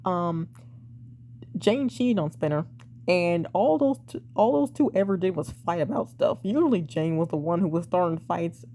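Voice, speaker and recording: A young woman reviewing a TV drama in a blunt, exasperated way, sighing and swearing, her voice a bit hoarse and cracking. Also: fairly low pitch, lively intonation, normal speed, warm tone, slight background noise. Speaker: TV show reviewer. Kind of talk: casual opinionated review.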